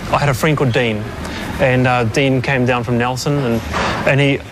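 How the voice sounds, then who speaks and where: A man's voice: medium pitch, steady tone, moderate pace, background noise. A man, earnestly recalling events in a documentary interview, with many restarts and "you know"s. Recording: clear background music under the voice.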